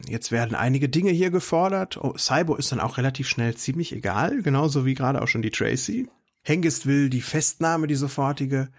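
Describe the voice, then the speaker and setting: A man's voice: mid-range voice, a little fast. A man co-hosting a podcast, discussing an episode in casual, thoughtful chat with light irony. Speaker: podcast co-host.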